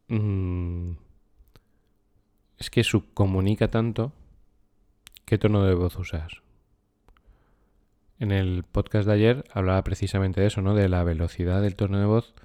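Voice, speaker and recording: Deep calm man. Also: clear, resonant tone, dry recording, studio quality. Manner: calm, unhurried. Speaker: podcast host and trainer. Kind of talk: casual podcast monologue on a book.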